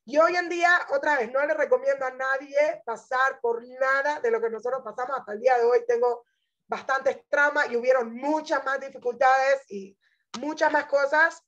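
A woman's voice: high voice, moderate pace, a bit bright, lo-fi sound. A woman religious teacher telling her personal testimony in an inspirational talk, earnest and emphatic, speaking straight to her listeners.

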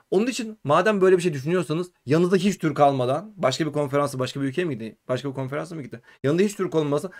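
A man from Turkey hosting a casual live stream. His voice sits a little high, and he talks in an animated way, exclaiming and urging his listeners. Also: gravelly. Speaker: host.

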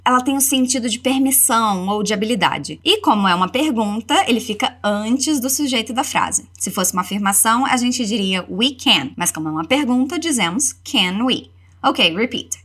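A Brazilian woman teaching English, modelling phrases slowly for learners to repeat. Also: fairly high pitch, expressive, fairly bright tone, slightly rough. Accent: Brazilian Portuguese. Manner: slow, deliberate model pronunciation. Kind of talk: language lesson with repeat-after-me drills.

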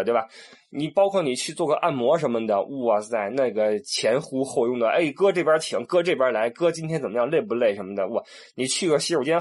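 A man's voice: medium pitch, slightly rough. A man, a tour guide telling stories in a casual monologue, with many restarts. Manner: animated, acts out quoted people, many restarts.

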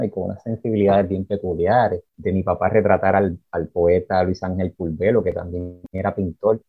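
Thoughtful Puerto Rican man, low and dry. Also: gravelly, slightly rough, no echo, phone-quality sound. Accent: Puerto Rican Spanish. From Puerto Rico. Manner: thoughtful, searching, many fillers like "pues" and "¿verdad?". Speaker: writer and poet, interview guest. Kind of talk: reflective interview talk.

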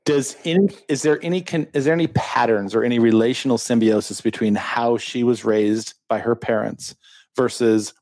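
A man's voice: medium pitch, fairly even intonation, normal speed, a little mellow, no echo. A man hosting a podcast, asking long, rambling questions and correcting himself midway. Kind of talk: interviewing guests.

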